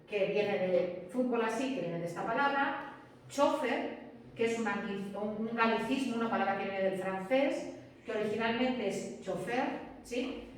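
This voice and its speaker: A woman lectures a class, her fairly high voice carrying through a very echoey room. She sounds distant the microphone and keeps checking that her students follow. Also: normal speed, a little hiss or hum. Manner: chatty, peppered with checks for understanding. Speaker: teacher.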